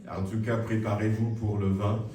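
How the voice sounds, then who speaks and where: Speaking at normal speed, a man with a lowish, dark voice and little pitch movement delivers announcements to the congregation. He is friendly but hesitant, with frequent fillers. The recording, made from far away in a very echoey church hall, has slight background noise.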